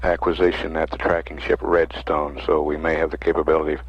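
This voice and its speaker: A man giving official live mission control commentary in a halting, measured way with frequent pauses. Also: very deep voice, level tone, dry recording. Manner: halting, unscripted, with frequent mid-sentence pauses. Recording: dull lo-fi archival radio feed.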